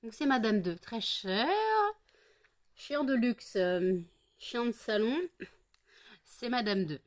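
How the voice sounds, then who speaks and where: A woman's voice: a little high, takes it slowly. Tired, chatty French woman. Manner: chatty, talks baby-talk to her dogs. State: tired, sleepy. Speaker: vlogger. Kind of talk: casual home vlog.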